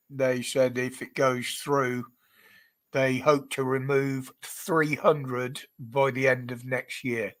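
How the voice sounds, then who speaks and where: His nose sounds congested, but this British man's medium-pitched, slightly bright voice stays chatty as he hosts a casual livestream. He frequently laughs softly and greets his viewers by name.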